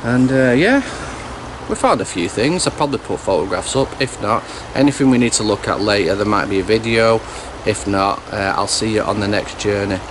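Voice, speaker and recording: A man's voice: lowish voice, expressive, moderate pace. A man in his forties, chatty and cheery, talking to viewers as he fishes with a magnet outdoors by a river. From England. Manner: chatty, cheery, talks to viewers as "you beauts". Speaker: magnet fishing vlogger. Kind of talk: casual chat to camera. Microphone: action camera on the body. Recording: outdoor wind and river noise.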